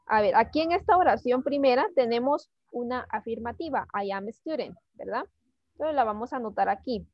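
A woman's voice: on the high side, animated, a little fast, no echo, dull audio. A woman teaching an online English class, patiently coaxing her pupils and mixing Spanish with English phrases.

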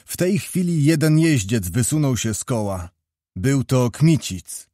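A man's voice: medium pitch, sing-song, measured pace, dark tone, no echo, clean studio sound. Man narrating a historical novel. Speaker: audiobook narrator. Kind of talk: scripted audiobook narration.

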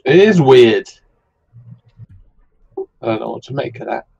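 Gravelly man, lively, on dull mic. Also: mid-range voice, a little slow. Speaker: tabletop game player. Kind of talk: casual game chat.

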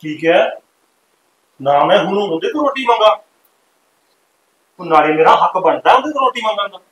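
A man with a Punjabi accent playing an irritated husband who gives gruff commands. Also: high voice, expressive, normal speed, fairly bright tone, roomy sound, rough recording. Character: irritated young husband defending his widowed sister-in-law.

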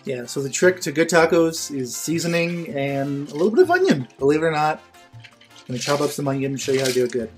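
A man's voice: fairly high pitch, steady tone, fast talker, soft background music. Drunk, goofy young man cooking on camera. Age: young adult. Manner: drunk, goofy, loose and rambling. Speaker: vlog host. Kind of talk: casual comedic cooking vlog. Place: home kitchen, indoors.

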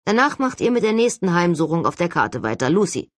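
A woman voicing a calm, confident teenage boy who leads his team in measured tones. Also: lowish voice, no room sound, studio quality.

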